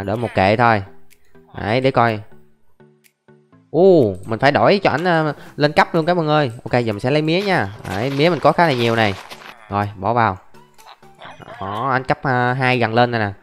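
A young man chatting casually through his gameplay, narrating every step and calling out to his viewers. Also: medium pitch. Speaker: gaming YouTuber. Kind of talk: casual Let's Play commentary. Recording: faint background music.

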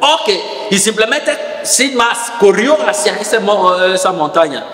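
A preacher who speaks slowly in a fairly high voice, stumbling over and repeating words before he presses a point home. His sermon rings out in a large, echoey hall with a long reverb. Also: animated, fairly bright tone. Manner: halting, repeats words, rising to emphatic.

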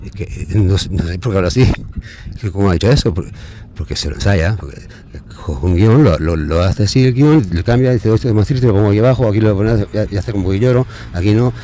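A man telling his side of a breakup into a phone camera, unscripted and halting, restarting words and growing more pleading. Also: deep voice, lively intonation, mellow, a little hiss or hum. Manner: aggrieved, rising and pleading as he goes. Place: outdoors, near a train line.

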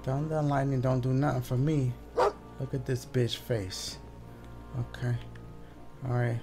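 Young guy streaming a scary game, jumpy and sweary, croaky fry in his voice, music going behind. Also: medium pitch, level tone, unhurried. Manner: nervous, scared horror gamer, swearing often. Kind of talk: casual live game commentary, talking to viewers.

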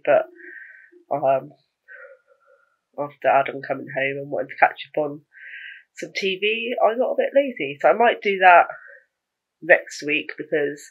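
A woman's voice: low voice, slightly rough, dull audio. A young woman vlogging in a casual, rambling way, chatting to the camera about her day with small laughs.

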